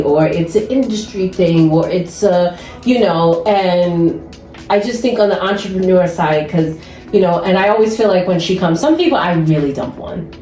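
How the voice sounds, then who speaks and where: An animated woman talks shop as a nail tech, telling stories and laughing at herself. Her voice rings a little in the room, with faint music underneath. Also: on the low side, reverberant. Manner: animated storyteller, laughs often. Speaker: nail tech and podcast host. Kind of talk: casual chat.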